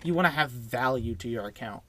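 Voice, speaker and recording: A man's voice: medium pitch, expressive, a little fast, fairly bright tone, a little hiss or hum. A young man hosting a casual podcast, rambling with many fillers and restarts. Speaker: podcast host. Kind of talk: casual student podcast chat.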